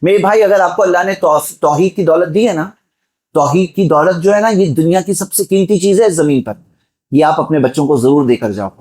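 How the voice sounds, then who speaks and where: A man's voice: a little high, a little mellow. Exhorting preacher, man. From Mumbai, India. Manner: exhorting, with rhetorical questions and direct address to the listeners. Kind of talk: Friday sermon.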